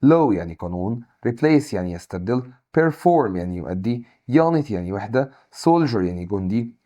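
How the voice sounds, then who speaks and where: A young man with an Egyptian Arabic accent giving an exam review lesson, briskly reading English words and then their Arabic meanings. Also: on the low side, warm tone. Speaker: English teacher.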